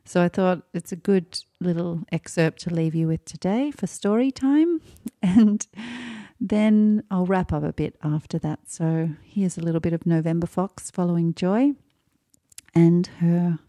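A woman's voice: fairly low pitch, unhurried, mellow, dry recording, clean studio sound. A woman hosting a solo podcast, talking in a light-hearted way. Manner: light-hearted, laughs between thoughts. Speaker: podcast host.

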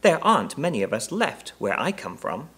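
Storybook role: small young bear, performed by a man, high small voice, impeccably polite, earnest and a touch self-important. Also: very animated, normal speed. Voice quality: small, clear voice. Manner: polite, proper, precise.

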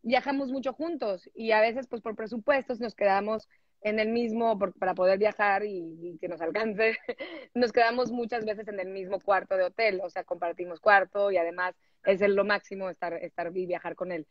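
A woman's voice: mid-range voice, steady tone, moderate pace, dry recording. Woman in her forties, livestream host, candid and chatty, recorded on a dull, dry phone. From Mexico. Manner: candid, laughing, storytelling. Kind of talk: casual chat.

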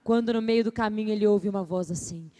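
A woman telling a story live to a seminar audience, expressive and playful, asking the crowd to raise their hands. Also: medium pitch, quick pace. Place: seminar stage before an audience.

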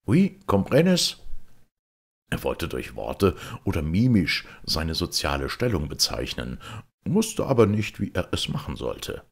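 A male audiobook narrator reads scripted literature with expressive storytelling, taking his time. His low, creaky voice has a husky edge, and his intonation is lively and ranges widely.

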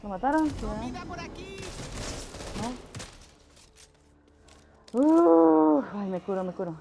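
A woman commentating a co-op game, excited, repeating callouts rapidly. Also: medium pitch. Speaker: gamer. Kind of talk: co-op gameplay commentary. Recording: game noise behind the voice.

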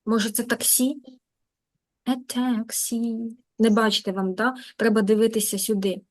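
A Ukrainian woman teaching a beginner English class online, in a lively, coaxing manner, repeating words to drill pronunciation. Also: medium pitch, brisk. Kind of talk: live online lesson.

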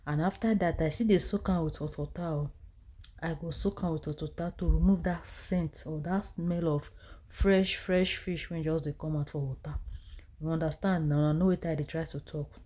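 A woman's voice: low-pitched, steady tone, normal speed, dark tone, slightly rough. A woman in her thirties with a Nigerian accent, chatting through a home cooking vlog in English mixed with Pidgin. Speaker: cooking vlogger. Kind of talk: casual voice-over narration of a cooking vlog. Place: home kitchen.

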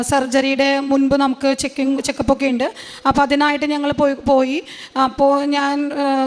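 A middle-aged woman with a Malayalam accent tells a personal testimony. Her voice is high and stays flat and even, and she moves slowly through her account with many pauses and fillers. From Kerala, India. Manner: slow and halting, with many fillers. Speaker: testimony giver.

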